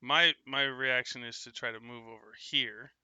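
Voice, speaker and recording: A man's voice: mid-range voice, steady tone, normal speed, bright, forceful tone, clean tone, muffled recording. A man playing a tabletop role-playing game, describing his character's actions and calling out in character. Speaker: player. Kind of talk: casual tabletop play.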